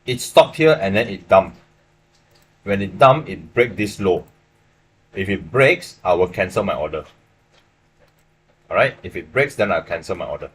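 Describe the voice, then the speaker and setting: A young Malaysian man with a Malaysian English accent livestreams forex trading from a small indoor room, casually walking viewers through his trades and often checking in with "right?". His low-pitched voice is expressive and fairly bright, at normal speed with long pauses, and there's slight background noise.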